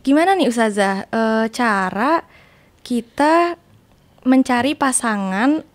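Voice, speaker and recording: A young woman hosting a podcast, asking questions with some hesitation and quiet short replies. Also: on the high side, animated, takes it slowly. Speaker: podcast host. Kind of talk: podcast interview.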